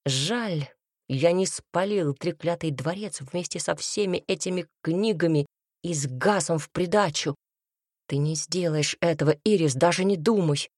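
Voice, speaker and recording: Woman doing a hot-tempered young guy from a novel, low husky voice, bitter and forceful. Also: a little slow, dry recording, studio quality. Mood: angry. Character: young man, hot-tempered, defiant, devoted lover.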